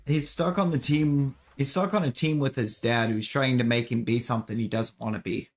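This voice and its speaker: An opinionated man chatting casually while he plays a game on stream. He talks to his viewers in a loose, rambling way, restarting his sentences as he goes. His voice sits at an ordinary pitch for a man. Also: fairly even intonation, moderate pace. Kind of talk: casual chat while gaming.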